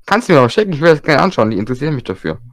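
A young man co-hosting a casual podcast over an online call, making deadpan jokes. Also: mid-range voice, rapid-fire, no echo, studio quality. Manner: deadpan joking. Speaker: podcast co-host.

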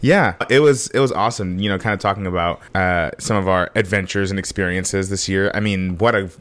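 Hoarse, deep-voiced man. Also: a little fast, fairly bright tone. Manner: speaking low to spare his voice; enthusiastic, filler-heavy. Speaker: podcast co-host. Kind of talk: casual chat.

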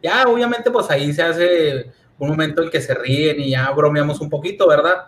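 Conversational man teacher, slightly high voice. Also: normal speed. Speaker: teacher, guest. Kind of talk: casual chat.

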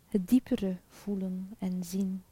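A woman guiding a chakra meditation in a soft, calm, half-whispered spa-like voice with long pauses. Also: mid-range voice, slightly rough, no echo. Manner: slow, calm, soothing, with pauses. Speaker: meditation guide.

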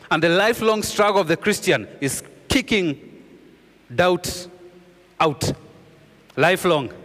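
A man preaching a sermon with a fairly high voice, leaning on repeated phrases and sinking to hushed tones to drive a point home. His voice rings out with a long reverb, as if in a church hall. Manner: earnest preaching, repeats key phrases, drops to a hushed voice for emphasis. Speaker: pastor.

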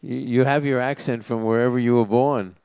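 A man's voice: medium pitch, fairly even intonation, brisk, a little mellow, clean tone, no echo. An older man with a Brooklyn accent, co-hosting a community radio show with affable, agreeable banter. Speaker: co-host. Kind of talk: casual radio chat.

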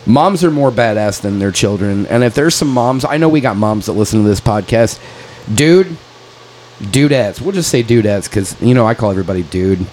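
Profane man in his thirties, low voice. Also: expressive, moderate pace, a little mellow, slight background noise, rough recording. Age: 30s. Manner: profane, calls everyone dude, venting frustration. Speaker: podcast co-host. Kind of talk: casual chat.

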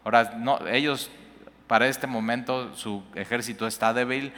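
A man's voice: medium pitch, steady tone, normal speed, pushed and bright. A man teaching a Bible passage, reading verses aloud and explaining them in a conversational way. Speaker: preacher. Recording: long hall reverb.

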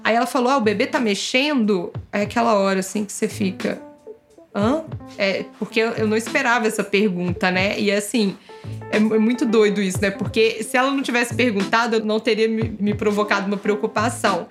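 A young woman tells her own story in a relaxed, conversational way, slipping into the voices of the people she quotes. Her pitch sits in the middle range. Quiet music plays faintly under her voice. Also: fast talker. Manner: lively, acts out quoted dialogue. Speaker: mother telling her birth story. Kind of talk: casual personal storytelling.

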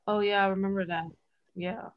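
A woman's voice: mid-range voice, fairly even intonation, brisk, dull audio. A woman co-hosting a podcast in casual chat, curious and asking questions. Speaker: podcast co-host.

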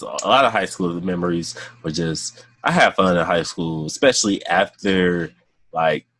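A man in his twenties co-hosting a casual podcast chat, talking in a relaxed, rambling way with lots of fillers. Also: low-pitched, no echo. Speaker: podcast co-host.

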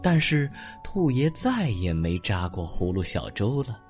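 A man's voice: lowish voice, big pitch swings, a little slow, music in the background. A man narrating a bedtime sleep story for young children in a coaxing way. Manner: coaxing, addresses small children with soft sentence particles.

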